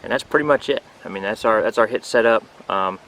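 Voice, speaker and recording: A fast-talking man with a fairly low pitch and fairly bright tone gives an informal equipment walkthrough to camera for his RV vlog. He stands outdoors beside a pickup truck bed, and the recording quality is low.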